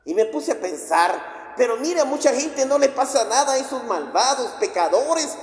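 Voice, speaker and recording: High-voiced preacher in an echoey hall. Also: male voice, sing-song, normal speed. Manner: dramatic, piles up repeated phrases. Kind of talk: sermon. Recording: echoey hall with long reverb.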